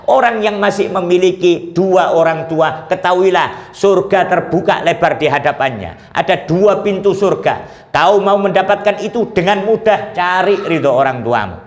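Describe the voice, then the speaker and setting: A grieving son cries out his loss with fervent intensity, as a preacher voices him. His voice runs high and impassioned. The recording rings with roomy echo. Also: expressive, normal speed. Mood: anguished. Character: young man grieving his dead mother.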